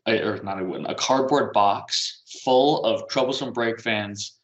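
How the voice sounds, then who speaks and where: Low-voiced rambling man in a roomy room. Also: a little slow, highs cut off. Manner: rambling, meandering, chuckling. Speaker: podcast co-host. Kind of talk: casual podcast chat. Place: home. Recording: roomy echo.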